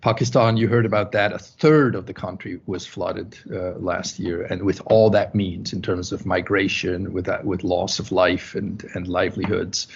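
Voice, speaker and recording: Swiss guy giving a talk, kinda low husky voice, chatty, muffled recording. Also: fairly even intonation, normal speed, hardly any pauses, slight background noise. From Switzerland. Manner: conversational, many restarts, asks "right?". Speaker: conference presenter. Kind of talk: presenting a talk with slides.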